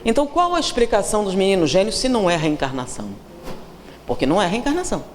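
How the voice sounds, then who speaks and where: A Brazilian woman with a Brazilian Portuguese accent gives a seminar lecture in a lecture hall, speaking fast and very animatedly at a medium pitch. She teases the audience with questions and acts out the people she quotes. The hall is reverberant, with faint room noise.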